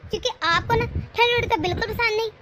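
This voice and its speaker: A lazy, scheming younger daughter-in-law, voiced by a woman in a cartoon family drama. She grumbles and complains in a very high, bright and sharp voice. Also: quick pace, a little hiss or hum. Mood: grumbling.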